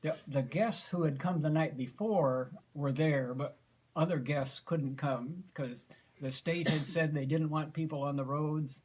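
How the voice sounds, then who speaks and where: An American man in his eighties telling a folksy, unhurried story informally to family, often clearing his throat. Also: a little high, a little mellow, rough recording. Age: 80s. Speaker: grandfather giving an anniversary speech.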